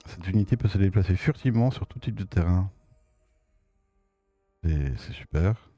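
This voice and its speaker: A man's voice: sits low, lively intonation, moderate pace, warm tone, dry recording, soft background music. A man with a Belgian French accent giving casual, somewhat hesitant live commentary as a game streamer.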